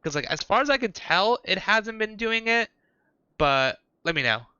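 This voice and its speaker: A man's voice: high-pitched, big pitch swings, normal speed, sharp tone, clean tone, dry recording. A man chatting casually with viewers while streaming a video game. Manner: chatty, talks to chat viewers. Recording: dull lo-fi stream audio.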